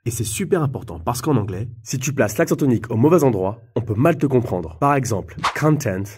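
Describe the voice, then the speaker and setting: Husky man giving upbeat tips. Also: mid-range voice, lively intonation, brisk, warm tone. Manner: upbeat, addresses the listener informally. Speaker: English teacher presenting tips. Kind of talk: scripted educational video for teens.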